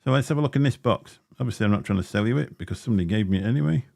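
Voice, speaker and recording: A deep-voiced man hosts a casual livestream, rambling through chatty asides full of fillers while he unboxes gear. His delivery is expressive and rapid-fire, creaky and a little mellow. Recorded close on a dynamic studio mic, the sound is studio quality with no room sound.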